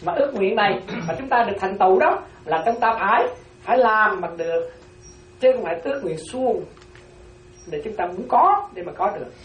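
Nun giving a roomy dharma talk. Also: female voice, medium pitch, animated, moderate pace, dull audio, a little hiss or hum. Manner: keeps checking listeners follow with repeated questions; repeats key phrases for emphasis. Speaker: Buddhist nun teaching a class. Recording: roomy, distant mic.

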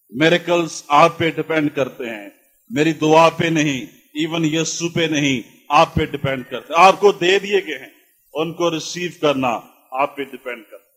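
A man's voice: a little high, fairly bright tone. A male pastor preaching a sermon with impassioned repetition, dropping into English phrases.

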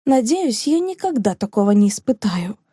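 A woman reading an audiobook, voicing a fiery, indignant young woman who speaks in bitter, sharp outbursts. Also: on the high side, big pitch swings, moderate pace, slightly rough, no room sound, clean studio sound.

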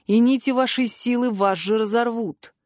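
A woman voicing a cold, sarcastic male academy curator in an audiobook, speaking in low, measured, clipped commands. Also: darkish tone, dry recording, studio quality, close to an everyday voice. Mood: cold stern. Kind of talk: audiobook character voice.

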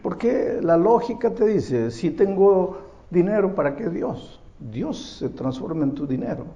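A man preaching a sermon as a pastor, telling a story with drama, his voice swinging between hushed and loud. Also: high voice, big pitch swings, unhurried, lo-fi sound.

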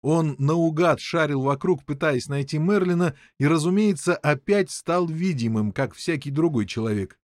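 A man narrating an audiobook with expressive storytelling. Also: a little high, moderate pace, hardly any pauses, dry recording, clean studio sound. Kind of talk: scripted narration.

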